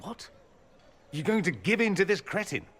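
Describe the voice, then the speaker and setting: Dorian, a low-voiced, sardonic mage. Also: male voice, big pitch swings, normal speed, slightly rough. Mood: indignant. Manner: arch, sardonic, theatrical. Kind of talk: video game voice acting.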